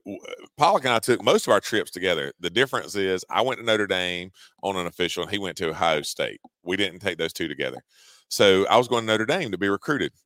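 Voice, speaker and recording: A man's voice: deep voice, fairly bright tone, no echo. A man in his forties with a Georgia Southern accent, telling a folksy story on a sports talk show with lots of laughing. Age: 40s. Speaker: co-host.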